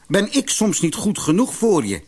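A man's voice: high-pitched, wildly swooping pitch, normal speed, darkish tone, slightly rough, voice pushed up, exaggerated voice. A man voicing a poor fiddler who mocks and scolds his wife, in a storybook reading. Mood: grumbling. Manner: scolding, grumbling. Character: grumbling, mocking poor male fiddler.

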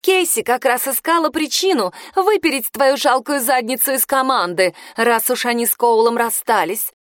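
A woman reads a spiteful high-school girl from a spicy audiobook. She sneers and spits venom, her voice set a touch high and close to the mic with no room sound. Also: moderate pace, no room sound, natural voice. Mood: furious. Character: spiteful mean teen girl.

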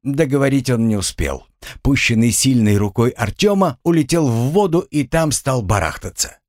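A man narrating an audiobook in a steady, expressive storytelling manner. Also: medium pitch, moderate pace, no echo, studio quality. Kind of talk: scripted narration.

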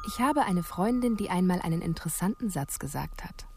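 A woman's voice: fairly low pitch, expressive, brisk, loud music behind the voice. An actress playing a female criminal profiler who narrates in a wry, reflective way.

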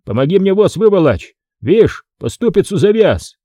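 Foma: man reading a rough, scoffing peasant carter, raised and lively. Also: high-pitched, moderate pace, dry recording, studio quality, pitched above the performer's own voice. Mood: angry. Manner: rough, mocking folk speech. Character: gruff fearless plague-cart driver man.

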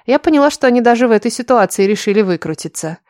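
Woman narrator for a first-person fantasy audiobook, even storytelling, dry sound. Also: on the high side, fast, no room sound.

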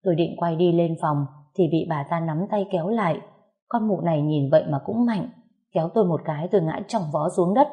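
A woman narrating a first-person story in a lively, indignant way. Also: on the low side, a little fast, dull audio.

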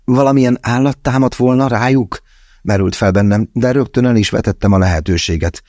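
A man narrating a first-person thriller audiobook in a measured, tense way with slow, deliberate pauses. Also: medium pitch, a little mellow, no room sound, studio quality.

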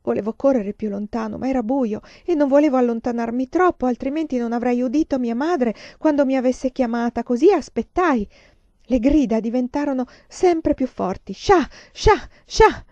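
A woman reading a novel aloud in a measured, sombre storytelling voice. Her tone is warm and mellow. The recording is dry and slightly muffled. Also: sits high, dry recording. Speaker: reader.

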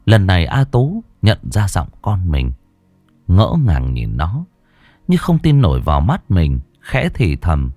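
Lively low-voiced male storyteller. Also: a little slow, dry recording, faint music behind. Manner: expressive storytelling. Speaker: audiobook narrator. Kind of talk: scripted narration.

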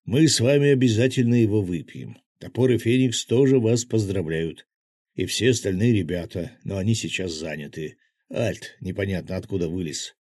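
A man's voice: lowish voice, moderate pace, a little mellow, no room sound, studio quality, lightly acted. Casting: narrator doing a friendly, talkative fisherman in an audiobook. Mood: cheerful. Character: cheerful male fisherman and brewer.

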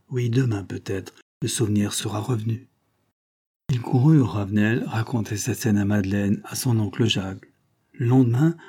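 A man narrating a novel as an audiobook in a measured, expressive way. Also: lowish voice, husky. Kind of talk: novel reading.

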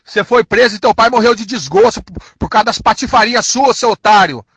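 A man's voice: high voice, fairly bright tone, husky, no room sound. A man with a São Paulo accent delivering an angry, insulting, threatening rant full of repeated threats. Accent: São Paulo Portuguese. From São Paulo, Brazil. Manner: aggressive, insulting, repetitive, drawn-out threats.

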